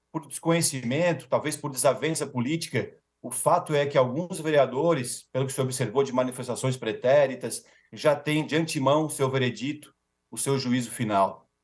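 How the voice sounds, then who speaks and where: In a formal plea full of rhetoric, a Brazilian defense lawyer hammers his points through emphatic repetition. His voice sits in the mid range, and he addresses his listeners with ceremonious courtesy.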